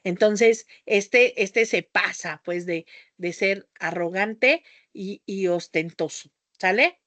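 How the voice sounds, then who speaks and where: A woman teaching a class with a high, squeaky voice, speaking loudly and theatrically, changing her tone often and drifting off on tangents. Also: slow pace, no echo. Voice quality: high-pitched voice, calls it a squeaky off-key whistle. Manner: scattered, jumps between topics with tangents. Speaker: homeopathy teacher. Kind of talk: lecture to a class.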